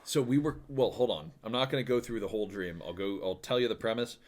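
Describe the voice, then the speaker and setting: A man co-hosts a podcast and rambles through a long story, throwing in jokes as he goes. His voice sits a little low. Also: quick pace. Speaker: podcast co-host. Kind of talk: casual podcast banter.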